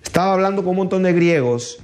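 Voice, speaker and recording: A man's voice: high-pitched, quick pace, darkish tone. A middle-aged man preaching a sermon in an emphatic way, putting rhetorical questions to his congregation.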